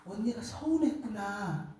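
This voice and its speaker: A middle-aged woman giving a church testimony, telling a family story in an animated way. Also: medium pitch, measured pace. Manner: animated storytelling, acts out quoted voices. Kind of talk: sermon testimony. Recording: echoey room, distant mic.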